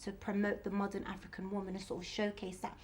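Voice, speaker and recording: A woman's voice: mid-range voice, completely flat delivery, fast, darkish tone, a little hiss or hum. A woman pageant contestant talking earnestly about her charity in a studio interview, often saying "sort of". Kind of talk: casual interview talk.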